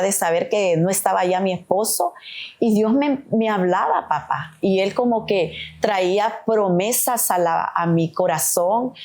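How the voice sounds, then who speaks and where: A woman's voice: medium pitch, a little mellow. A middle-aged woman, a podcast guest, giving an earnest, emotional testimony of faith, often calling the host "papá".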